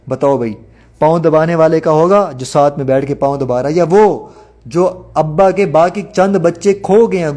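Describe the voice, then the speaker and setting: Guy preaching a sermon, kinda high voice but soft and mellow, keeps firing questions at the crowd. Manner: emphatic, rhetorical questions to the audience.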